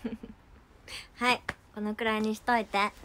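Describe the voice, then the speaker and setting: A young woman casually chatting on a livestream, reading viewer comments with playful giggles and trying quick cartoon impressions. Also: on the high side, level tone, sharp tone, a little hiss or hum. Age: young adult.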